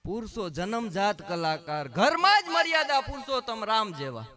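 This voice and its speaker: A male comedian from Gujarat tells jokes on a live stage. His voice sits high and bright. He moves quickly from story to punchline. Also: big pitch swings. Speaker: stand-up comedian.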